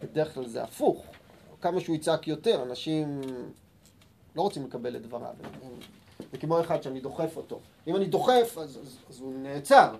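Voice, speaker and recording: A man giving a Torah lesson, who reads sources slowly and calmly and acts out heated arguments in sudden loud bursts. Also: a little high, vocal fry, a little hiss or hum. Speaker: Torah teacher.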